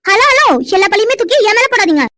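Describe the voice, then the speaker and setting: A woman voices a young cartoon woman with a very high, bright voice. She talks extremely fast in quick, indignant retorts. The sound is dry and close. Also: expressive, no room sound, heavily acted. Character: young woman Vino, quarrelsome fiancée. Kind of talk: cartoon dubbing.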